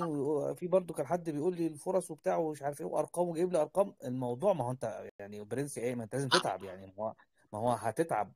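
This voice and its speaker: On an online group voice call, a doctor hosting the session gives casual advice to junior colleagues in an Egyptian Arabic accent, rambling and repeating himself. His voice is mid-range and darkish, with no echo.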